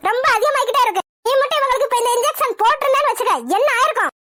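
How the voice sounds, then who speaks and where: A woman's voice: very high-pitched, very fast, very noisy. A woman voicing a stern hospital doctor in a cartoon who reprimands a nurse. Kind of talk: cartoon voice acting.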